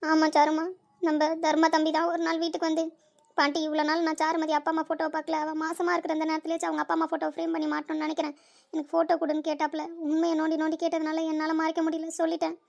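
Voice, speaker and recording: A woman's voice: high voice, completely flat delivery, very fast, vocal fry. A woman voicing a tender old grandmother in a homemade family drama, earnestly telling a long-kept secret.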